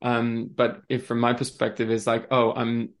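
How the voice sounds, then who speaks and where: A man's voice: medium pitch, monotone, normal speed. Chatty man telling his story, full of ums. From born in Switzerland, grew up in France. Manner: open and chatty, frequent ums and fillers. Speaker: podcast guest, limiting belief coach. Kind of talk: casual conversational storytelling.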